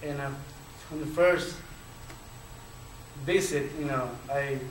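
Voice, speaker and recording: Speaking slowly in a mid-range voice, a Chilean man on a panel tells his personal story, stuttering and filling gaps with many fillers. His accent is Chilean Spanish. Echo from the lecture hall and faint noise come through, as the mic was far off.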